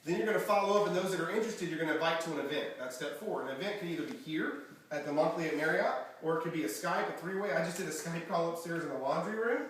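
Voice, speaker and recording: A man giving an energetic motivational seminar talk as a network marketing trainer, quizzing the audience with questions. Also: a little high, fast. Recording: echoey room from far off, faint background noise.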